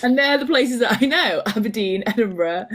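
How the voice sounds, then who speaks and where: A woman's voice: fairly high pitch, lively intonation, moderate pace. A woman co-hosting a casual podcast chat, giggly and teasing, guessing aloud. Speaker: podcast co-host.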